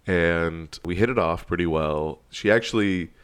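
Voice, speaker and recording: A young man co-hosting a podcast, chatting in a relaxed way full of fillers. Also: low voice, measured pace, clean tone. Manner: relaxed, filler-heavy rambling. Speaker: podcast co-host. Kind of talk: casual chat.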